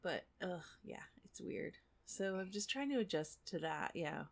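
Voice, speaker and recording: Female co-host, 40s, slightly low voice, relaxed chat, quick to laugh. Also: vocal fry. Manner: laughs easily, quick reactions. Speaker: podcast co-host. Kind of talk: casual chat.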